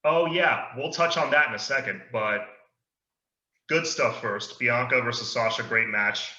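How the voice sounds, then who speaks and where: A man's voice: mid-range voice, a little slow, sharp tone. A man co-hosting a podcast, chatting casually and giving easygoing opinions while he leads the discussion. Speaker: podcast co-host. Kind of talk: casual chat about wrestling. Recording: echoey room, dull lo-fi sound.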